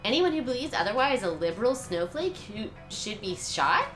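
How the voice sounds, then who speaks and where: A woman's voice: a little high, sing-song, brisk, a bit bright, soft background music, poor audio. A woman voicing a self-righteous, belligerent little internet-troll creature, dogmatic and preachy, in a tabletop game. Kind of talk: in-character tabletop game role-play.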